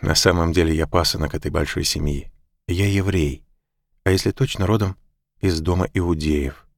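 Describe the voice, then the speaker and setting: A man voicing a calm, friendly handyman of about thirty in an audiobook, plain-spoken. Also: low voice, moderate pace, dry recording, clean studio sound.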